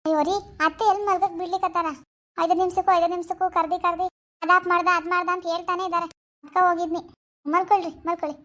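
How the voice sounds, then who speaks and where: A woman's voice: very high-pitched, level tone, fast talker, fairly bright tone. A woman voicing a tired young daughter-in-law in a cartoon, polite and weary as she lists her chores. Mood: complaining.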